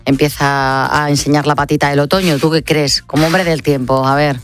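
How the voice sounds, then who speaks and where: A woman with a low, deep-set voice hosts an overnight radio show, chatting easily with her co-host and laughing often. Her talk is loose and conversational. Soft music sits faintly underneath. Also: little pitch movement, normal speed. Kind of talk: late-night radio chat. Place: radio studio.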